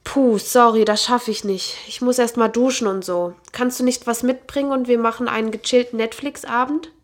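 A woman's voice: fairly high pitch, steady tone, normal speed, natural voice. A woman reading the lines of a sleepy, lazy young male student in a book excerpt, in a casual, offhand way.

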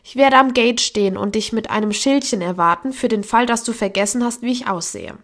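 A woman's voice: fairly high pitch, fairly quick, natural voice. A woman reading a joking young man. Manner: light, joking. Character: young man, cheerful and joking, just moved out.

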